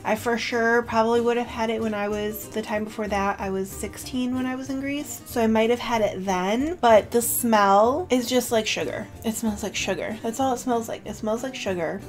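A woman's voice: fairly high pitch, normal speed, few pauses, faint music behind. A young woman vlogging casually to camera, chatty and full of "like", emotional and close to tears. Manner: chatty, with filler "like" and self-corrections. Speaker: beauty vlogger.

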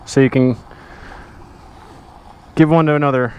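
A man's voice: mid-range voice, steady tone, measured pace, darkish tone, smooth, highs cut off. A man chatting casually and in a friendly, slangy way as a motorcycle vlogger, talking from inside his helmet outdoors. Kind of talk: casual chat with people on the street. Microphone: helmet-mounted action camera setup.

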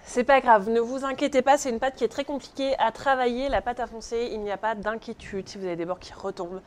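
During a live online pastry lesson in her kitchen, a female instructor talks at a quick pace in a fairly high, steady voice. She jokes around with viewers and frequently checks in with "ok?".

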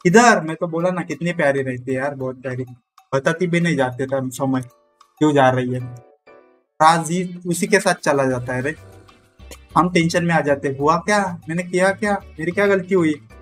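A man's voice: a little high, normal speed, soft background music. A man, chatting and joking casually on a live stream, rambling and reading out donations.

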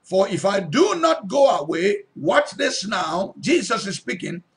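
A man's voice: high-pitched, very animated, unhurried, vocal fry. A male pastor preaching a sermon, reading Bible verses aloud and then repeating and stressing them, often asking his listeners if they are listening. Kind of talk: sermon teaching scripture.

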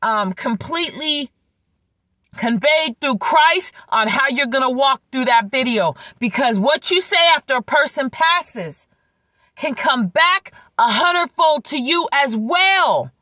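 A woman's voice: sits high, lively intonation, slow pace, sharp tone, no echo. A woman with a swollen throat and tonsils delivering an impassioned, emphatic religious monologue, repeating phrases for weight. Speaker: religious video creator, preacher.

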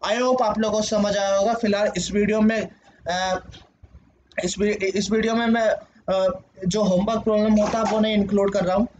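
A young man with a fairly high voice talks through a problem in a casual lesson, step by step, with plenty of fillers and restarts. The recording is a bit dull and lo-fi, with a faint hiss behind him. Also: flat delivery, moderate pace, a little mellow. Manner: explains step by step, many fillers and self-corrections. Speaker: teacher. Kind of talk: casual Hindi lecture working a problem on screen.

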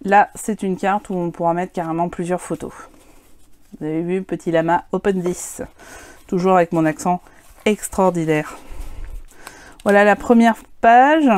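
A woman's voice: fairly high pitch, darkish tone, no echo. Chatty woman showing her scrapbook. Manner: chatty, hesitant, many fillers, self-deprecating. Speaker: scrapbooking vlogger. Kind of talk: casual show-and-tell of crafts.

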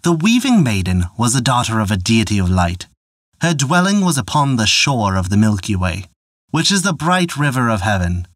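A man narrating a folktale in a measured, expressive storytelling manner on a close mic. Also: fairly low pitch, no echo.

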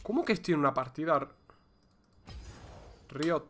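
A man with a Spain Spanish accent streaming a video game, chatting casually with excitable, theatrical, joking complaints. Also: a little high, moderate pace. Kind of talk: casual livestream gameplay chatter.

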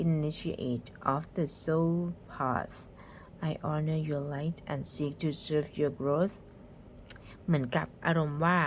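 A woman casually reviewing a tarot deck, chatty and soft-spoken, sometimes dropping into a whisper as she handles the cards. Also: sits low, slight background noise.

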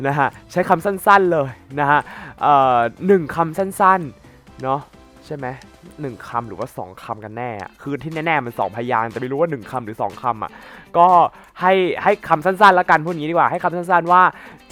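A young man with a higher-than-usual voice, slightly stuffy from a cold, narrating his gameplay in a loose, rambling way. He speaks directly to his audience in easy asides. Faint game music plays softly behind him. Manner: chatty, addresses viewers directly, rambling asides. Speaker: gaming YouTuber. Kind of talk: casual gameplay commentary.

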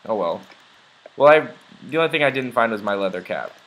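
A man's voice: medium pitch, animated, fairly quick, a bit bright, low-quality recording. A young man chatting casually while playing a video game, rambling along with lots of ums and uhs. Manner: rambling, chatty, many fillers. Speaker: let's play gamer. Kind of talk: casual gameplay commentary.

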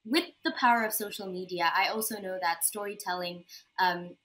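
Bright-voiced teenage girl on a webcam call. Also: medium pitch, moderate pace, low-quality recording. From Indonesia. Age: teens. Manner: polite, a little hesitant, reading questions. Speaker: interviewer. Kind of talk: video call interview. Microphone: video call webcam.

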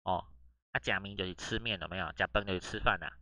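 Taiwanese-accented male Japanese tutor, casual lesson, lowish bright voice, reads Japanese then explains it, full of "oh" and "ha" fillers. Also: steady tone, fast talker, no echo. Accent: Taiwanese Mandarin. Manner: chatty, drops "oh" and "ha" between nearly every phrase. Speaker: Japanese language teacher. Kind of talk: casual online lesson reading through a news text.

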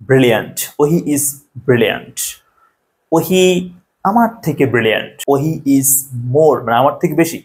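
A man's voice: mid-range voice, a little mellow. A man teaching an English grammar lesson, explaining step by step and checking in with the viewer often. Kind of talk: Bengali-language grammar lesson.

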